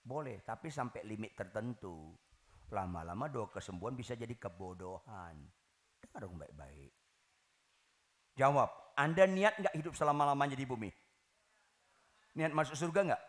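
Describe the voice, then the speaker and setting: A male pastor preaching a sermon to a congregation in a lively, teasing way, often shouting the punchlines. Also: mid-range voice, normal speed, pauses often. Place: church hall.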